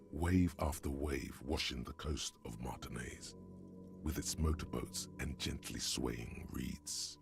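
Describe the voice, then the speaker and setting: Gravelly brooding game narrator. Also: male voice, exaggerated voice. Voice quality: deep, gravelly. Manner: measured, grim narration in second person. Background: game music.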